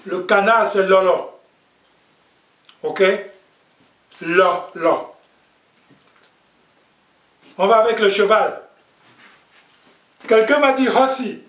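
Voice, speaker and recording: A patient male teacher with a fairly high voice, talking slowly through a vocabulary lesson and checking in often. He is picked up from across an echoey room. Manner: patient, repeats words and checks with "ok?". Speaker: language teacher. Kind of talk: classroom language lesson. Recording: echoey room, distant mic.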